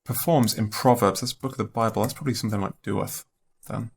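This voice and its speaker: A young man thinking aloud in a let's play, musing and unhurried, trailing off into half-spoken guesses. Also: on the low side, fairly even intonation, creaky, breathy edge. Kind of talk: thinking-aloud puzzle commentary.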